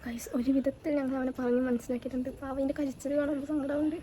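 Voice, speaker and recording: A woman's voice: high voice, steady tone, very fast, dark tone. A woman vlogging her family day, talking to her small son in a coaxing sing-song way. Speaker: vlogger and mother. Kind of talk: casual family vlog talk.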